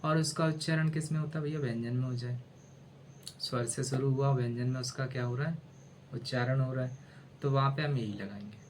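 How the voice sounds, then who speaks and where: A man's voice: medium pitch, brisk, a little hiss or hum, low-quality recording. A man teaching a video lesson, spelling words out letter by letter, asking himself rhetorical questions and calling his listeners brother. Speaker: English teacher. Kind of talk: explaining grammar in a video lesson.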